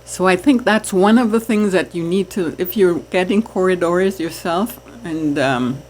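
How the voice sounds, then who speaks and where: A woman from Trinidad chatting casually to her viewers about keeping fish, with soft laughs. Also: fairly low pitch, a little hiss or hum. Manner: slow, chatty, laughs softly. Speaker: aquarium hobby vlogger. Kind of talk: casual chat to camera.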